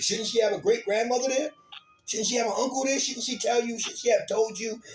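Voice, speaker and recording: A man's voice: high-pitched, a little mellow. Profane, emphatic man lecturing. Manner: profane, emphatic, repeats words, addresses listeners as y'all. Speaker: self-styled teacher of an online program. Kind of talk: informal streetwise lecture.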